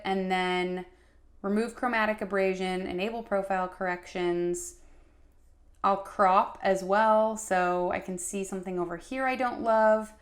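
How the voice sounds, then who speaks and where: A woman stop-motion artist talking through a tutorial in a chatty, casual way, muttering asides as she works. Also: medium pitch. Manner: chatty, talks while working, muttering asides.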